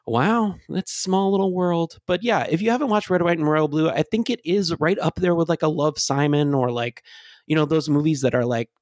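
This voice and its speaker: A man's voice: a little high, brisk, no room sound. Michigan-accented man chatting, close and dry. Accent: Michigan, Great Lakes Midwestern. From Michigan, USA. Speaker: podcast co-host. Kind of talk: casual film podcast chat.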